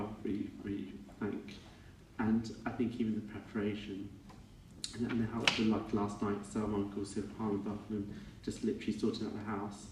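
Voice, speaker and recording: Middle-aged male, lowish voice, hesitant reflective eulogy delivery, distant mic with faint noise. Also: a little mellow, echoey room. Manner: halting and reflective, with self-corrections. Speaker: son giving a eulogy for his father. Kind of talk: informal funeral speech.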